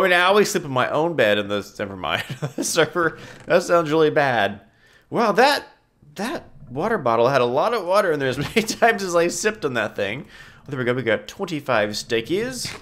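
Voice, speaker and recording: With a stuffy nose making him congested and nasal, this young man rambles through casual commentary on his game as a gaming YouTuber, catching his own mistakes with small giggles. His pitch is fairly high and his tone a bit bright.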